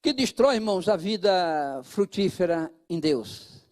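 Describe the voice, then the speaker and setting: A Brazilian Portuguese-accented man preaching a sermon as pastor, talking straight to his congregation and swinging between loud calls and hushed asides. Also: high-pitched, sing-song, measured pace.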